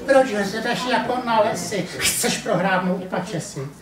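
A man's voice: sits high, crowd noise, pitched above the performer's own voice, close to an everyday voice. A man voicing a conceited, bossy female farm cat in a live puppet show. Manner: bossy, know-it-all, teasing. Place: family centre playroom, live puppet show. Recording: echoey room from far off, audience.

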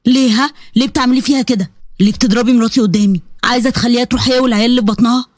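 A woman voicing a young Egyptian husband in a storybook drama, speaking firmly in a lowered voice. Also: fairly even intonation, rapid-fire, dry recording, clean studio sound, natural voice. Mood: pained. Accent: Egyptian Arabic. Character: young man, angry husband turning protective.

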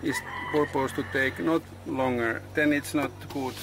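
A middle-aged man, not a native English speaker, vlogging outdoors on a tropical farm. His English is halting, with many pauses and uh's, and the camera is held at arm's length. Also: mid-range voice, fairly even intonation, background noise. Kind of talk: casual vlog narration. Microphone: handheld camera selfie and tripod camera.

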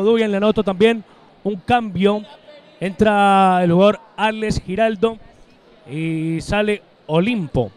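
Calling the match live as play-by-play announcer, a high-voiced man delivers breakneck, excited goal commentary punctuated by drawn-out shouts.

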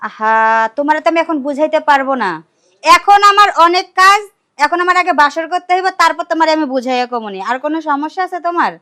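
Young woman as scheming bossy girl, high fast voice, dry sound. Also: lively intonation, bright, forceful tone, no echo. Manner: brisk, sly and commanding. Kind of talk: comedy TV play acting.

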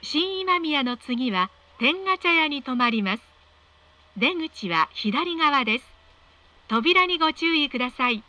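A woman reading scripted train announcements in a polite, measured, formal way. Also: high voice, lively intonation, pushed and bright.

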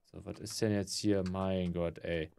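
A man's voice: sits low, flat delivery, unhurried, gravelly, darkish tone, slight background noise. A man giving casual gameplay commentary, grumbling and swearing, with mock-polite greetings to customers. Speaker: gaming let's player.

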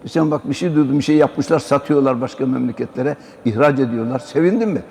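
Calling his listeners brother again and again, an older man speaks quickly in a religious, sermon-like exhortation. His voice is mid-range and mellow with vocal fry, and the recording carries long hall reverb plus faint background noise.

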